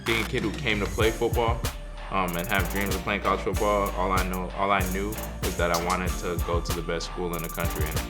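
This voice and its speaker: A young man, a college wide receiver who grew up in Ghana, speaking relaxed in a feature interview with many ums. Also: low-pitched, fairly quick, over music. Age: young adult. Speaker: college football player.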